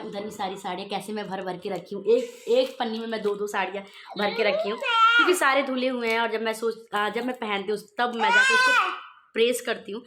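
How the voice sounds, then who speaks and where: A woman's voice: a little high, noisy background. A young woman, a mother, chatting casually to viewers in a home vlog, rambling and speaking straight to her audience. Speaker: vlogger and mother. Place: at home indoors.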